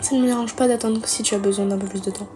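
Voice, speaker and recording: A woman voicing a shy, bookish teenage girl who speaks quietly and hesitantly, with game music behind her. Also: medium pitch, fairly even intonation, racing, lightly acted. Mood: gentle. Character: shy, soft-spoken bookish teen girl. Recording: music playing underneath.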